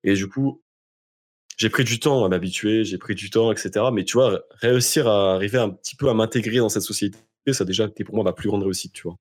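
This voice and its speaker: A man's voice: lowish voice, quick pace. A young man from France talking casually as an interview guest, in an informal, slangy way with emphatic repetition. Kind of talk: casual conversation.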